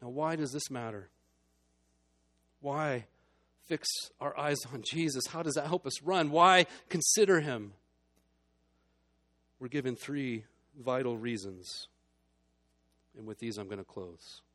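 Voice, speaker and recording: A man preaching a sermon as pastor, moving between hushed, low passages and emphatic, building ones. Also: slow, long pauses.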